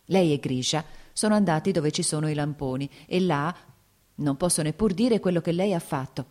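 An agitated, exasperated noblewoman and mother, as a woman reads her aloud. Her voice sits low and mellow, and she scolds and frets with quick emotion. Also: close to an everyday voice. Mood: anxious. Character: Dolly, harried aristocratic mother, exasperated.

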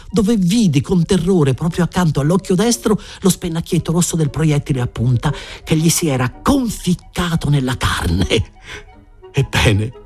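A man reading a first-person story aloud, expressive and giving voices to the characters. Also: mid-range voice. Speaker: audiobook reader.

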